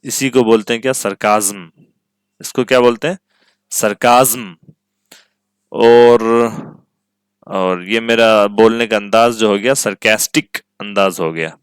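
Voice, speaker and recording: A man's voice: lowish voice, a bit bright, clear, resonant tone, no echo. A man teaching English vocabulary, repeating each word and its meaning and checking whether the class follows. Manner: asks "ठीक है?" to check understanding. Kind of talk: vocabulary lesson with translations.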